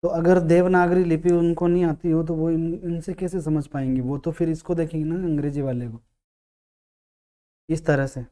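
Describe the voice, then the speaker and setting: A man teaching English grammar, explaining patiently, repeating key words and sounding out vowels slowly. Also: on the high side, fairly even intonation, mellow. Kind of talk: classroom-style explanation.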